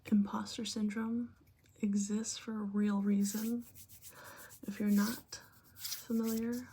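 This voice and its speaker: A woman giving a breathy, whispered and very soft-spoken ASMR pep talk, speaking informally and gently to the listener. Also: mid-range voice, slight background noise. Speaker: ASMR creator giving advice.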